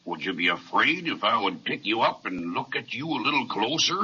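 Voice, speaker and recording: An old, muffled radio recording carries a huge gentle giant. His voice is very bright and forceful, swinging widely as he draws out folksy, reassuring words for a children's serial. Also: fairly low pitch, sing-song, normal speed, husky, exaggerated voice. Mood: kindly. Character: huge, gentle, kindly, weak-eyed giant. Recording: dull, band-limited vintage radio recording.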